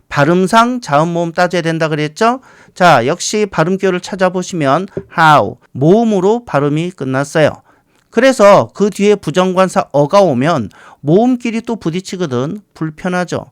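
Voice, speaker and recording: High, smooth-voiced middle-aged male teacher. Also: no room sound, studio quality. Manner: playful, talks to words as if they were people; reads English examples slowly and deliberately. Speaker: English teacher. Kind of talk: recorded grammar lecture. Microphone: close studio mic, voice-over.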